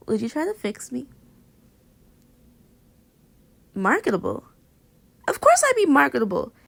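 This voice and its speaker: With an exaggerated, gravelly voice on the high side, a woman performs as a playful, clingy young girlfriend in intimate pillow-talk roleplay. She teases affectionately and rambles between murmurs and exclamations, coming across animated and mock-indignant.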